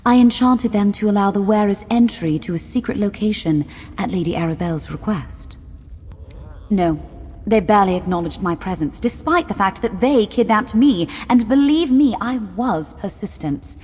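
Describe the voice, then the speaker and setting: Actress as earnest, indignant enchanter in echoing reverb. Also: female voice, medium pitch, normal speed, darkish tone, slightly rough, close to an everyday voice. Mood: indignant, explaining. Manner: articulate, formal, urgent. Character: rescued female enchanter, earnest, indignant kidnap victim. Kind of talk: video game voice acting. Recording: long cave-like reverb, slightly muddy.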